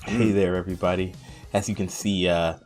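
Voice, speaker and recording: A man's voice: sits low, steady tone, a little fast, darkish tone, soft background music. A man co-hosting a casual gaming podcast, goofing around with jokes and silly bits. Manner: goofy, bursts into silly voices and jokes. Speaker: podcast co-host.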